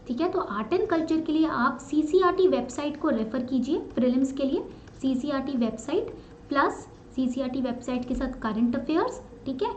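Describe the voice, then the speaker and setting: A woman's voice: sits high, echoey room, muffled recording, slight background noise. A woman giving an exam strategy lesson, mixing Hindi and English and often checking in with her listeners. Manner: mixes Hindi and English, repeats points in English, frequent checking fillers. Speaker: exam prep teacher.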